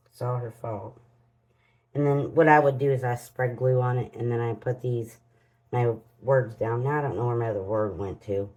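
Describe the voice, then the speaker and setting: A woman's voice: very deep voice, warm tone, rough recording. A woman hosts a casual crafting vlog, muttering to herself as she works in homespun phrasing. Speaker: crafting channel host. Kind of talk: casual unboxing and demo vlog.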